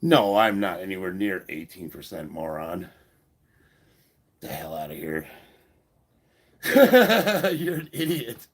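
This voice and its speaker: A deep-voiced American man in his fifties, a powerlifter, hosts a casual livestream, speaking slowly with long pauses yet very animated. Congested from a head cold, he responds bluntly to viewer comments and swears now and then.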